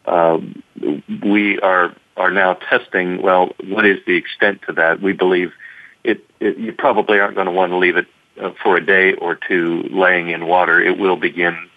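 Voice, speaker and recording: A man giving halting, measured explanations as a guest in an interview, over a thin phone-like connection. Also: sits low, flat delivery, no room sound. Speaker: company representative, interview guest. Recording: thin phone-line sound.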